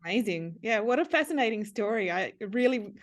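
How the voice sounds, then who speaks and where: A woman's voice: mid-range voice, expressive, brisk. An upbeat, encouraging woman hosting a podcast interview, lifting her voice as she welcomes and prompts her guest. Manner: upbeat and encouraging, lifts her voice when greeting. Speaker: podcast host.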